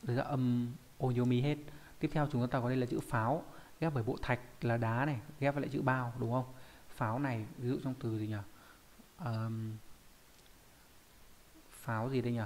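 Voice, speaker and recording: A man's voice: medium pitch, fairly even intonation, moderate pace, pauses often, darkish tone, slight background noise. A man with a Vietnamese accent teaching a Japanese kanji lesson online, explaining each character step by step and often checking in with his students.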